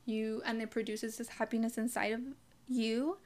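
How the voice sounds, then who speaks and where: A young woman with a slightly high voice talks earnestly in a casual, heartfelt way. She swears freely and keeps the tone of a friend giving advice. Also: flat delivery, normal speed, a little mellow. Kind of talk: casual motivational talk.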